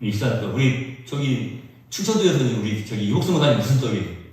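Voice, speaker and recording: A male pastor preaching a sermon with lively emphasis, putting questions to the congregation. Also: mid-range voice, fast. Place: church sanctuary. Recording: roomy church sound from a distant mic.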